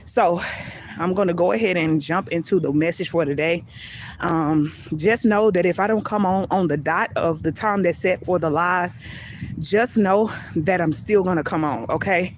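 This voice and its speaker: A woman's voice: on the low side, moderate pace, a little hiss or hum. A woman hosting a live faith message outdoors on her daily walk, talking into her phone, out of breath and preaching with building repetition. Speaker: faith channel host. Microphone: handheld phone.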